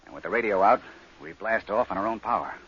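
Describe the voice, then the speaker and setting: An actor playing a commanding, curt spaceship captain in an old science fiction radio drama, speaking in a clipped, authoritative way. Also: male voice, fairly low pitch, lively intonation, quick pace, fairly bright tone, husky. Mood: grim, businesslike. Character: hard-pressed, commanding male spaceship captain, curt and gruff. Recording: dull old radio recording, faint noise.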